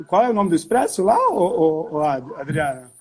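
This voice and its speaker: A man from Portugal, a professor, hosting a live stream over a video call. His voice is slightly husky and sits a little high for a man. He talks at length in a relaxed way, often restarting his sentences. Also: moderate pace. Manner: talkative, explains at length with restarts. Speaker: university professor and live host. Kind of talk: casual live-stream conversation.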